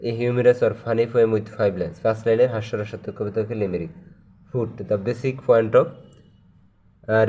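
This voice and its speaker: A man with a Bangladeshi accent teaching a lesson, reading out terms one by one and explaining each, moving between English terms and Bengali, with drawn-out fillers. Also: on the low side, warm tone, dull audio.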